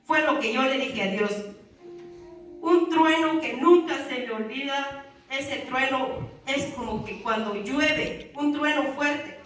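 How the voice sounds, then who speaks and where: A church member, a woman with a high-pitched, fairly bright voice, slowly and earnestly gives her religious testimony to the congregation, calling them brother and sister. She is far from the mic in a very echoey hall, with faint music in the background.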